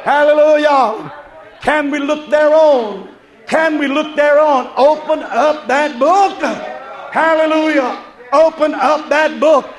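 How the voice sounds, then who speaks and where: A man preaches a fervent revival sermon live before a congregation, shouting exclamations, repeating refrains, and calling for the crowd's response. His voice is very high and slow, the recording is rough, and the congregation can be heard all around him.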